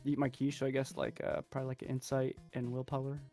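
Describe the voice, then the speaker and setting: Mid-pitched male player, chatty and playful, a bit hesitant. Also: completely flat delivery, quick pace, mellow, soft background music. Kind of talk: casual tabletop play over voice chat.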